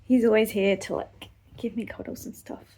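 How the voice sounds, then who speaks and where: A woman vlogger recording a tearful, halting video diary at home on her phone, her voice trailing off into soft whispers. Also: a little high, fairly even intonation. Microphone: phone camera.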